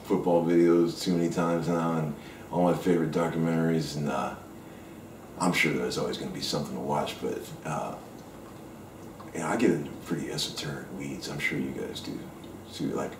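A man's voice: extremely low pitch, steady tone, brisk, background noise. A man who is a guest, talking casually and frankly in a home kitchen, rambling a bit and swearing now and then. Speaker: session guitarist guest. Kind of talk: casual interview talk. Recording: roomy kitchen sound from a distant mic.

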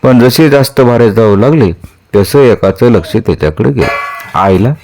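A man's voice: medium pitch, lively intonation, moderate pace, mellow, faint music behind. A man reading a historical novel aloud as a storyteller, narrating dramatically and voicing the dialogue.

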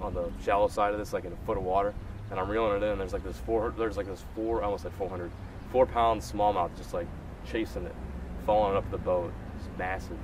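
A young man talks fishing in a loose, rambling vlog manner, often restarting his sentences. His voice sits somewhat low. He is picked up by a camera mic at arm's length, a little distant and buried in loud wind and engine noise. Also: fairly even intonation, quick pace. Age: young adult. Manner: rambling, self-correcting, chatty. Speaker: vlog host. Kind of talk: casual fishing vlog chat. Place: on a boat outdoors, then inside a car. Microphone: action camera at arm's length.

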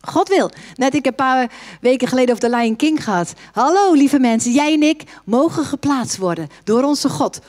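A woman pastor preaching a sermon, quoting scripture with lively, sudden high exclamations. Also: normal speed. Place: church hall.

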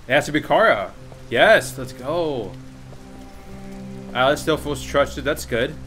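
A man's voice: mid-range voice, takes it slowly, a bit bright, faint music behind. A young man giving casual commentary while playing a video game. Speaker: gaming host playing and reacting.

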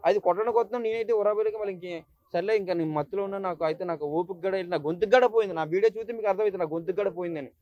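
A man's voice: high voice, fairly even intonation, racing, dry recording. A young man speaking at a press meet, recounting events in an agitated, emotional way and repeating himself often. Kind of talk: emotional first-person account to the press. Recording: dull lo-fi dry recording.

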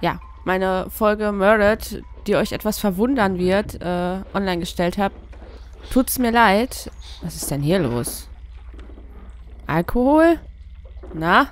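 A woman's voice: mid-range voice, animated, takes it slowly. A young woman playing a horror game and commenting, often scared and pleading with the game. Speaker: let's play gamer.

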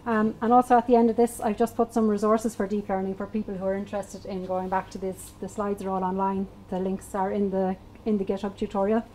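A woman's voice: medium pitch, fairly quick, a little hiss or hum, rough recording. A woman in her thirties giving a technical talk at a meetup, explaining step by step with frequent "um"s. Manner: explanatory, steady, with frequent fillers. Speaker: meetup speaker. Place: small event space with wooden walls.

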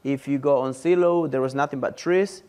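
A man's voice: medium pitch, moderate pace, darkish tone, smooth. A man in his thirties from Honduras, giving a matter-of-fact presentation in a meeting room with a lapel mic. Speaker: student giving a testimonial. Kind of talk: presentation talk.

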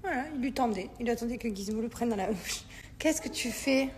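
A woman filming a casual family vlog, cooing softly at her baby between chatty asides to her viewers. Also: on the high side, brisk, a little hiss or hum. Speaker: family vlogger and mother.

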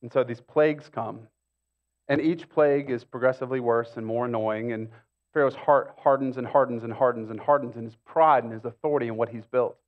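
Brisk and fairly even in intonation, a middle-aged American pastor with a medium-pitched voice gives a casual sermon on a church auditorium stage. The sound is lo-fi, and he uses repetition and rhetorical asides for emphasis.

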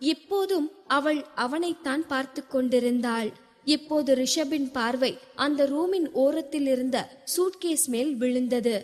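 Woman audiobook narrator: high voice, steady storytelling, long hall reverb. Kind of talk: scripted narration.

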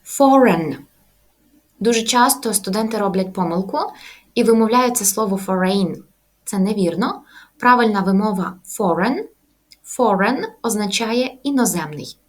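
A woman teaching English pronunciation in a language lesson, saying example words slowly and carefully. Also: mid-range voice.

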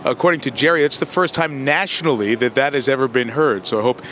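A man's voice: mid-range voice, fast talker, a bit bright, a little hiss or hum. An American man in his forties presenting a pregame sports broadcast into a handheld microphone. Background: music.

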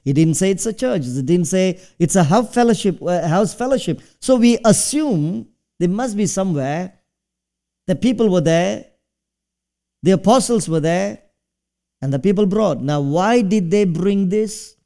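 High-pitched yet dark in tone, this pastor's voice is animated and a little slow. The middle-aged Singaporean preaches from a church stage in a chatty manner, asking the audience questions.

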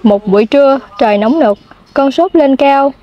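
A woman in her twenties reading a folk tale aloud in a steady, polite storytelling manner. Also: high voice, moderate pace. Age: 20s. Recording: dull lo-fi sound.

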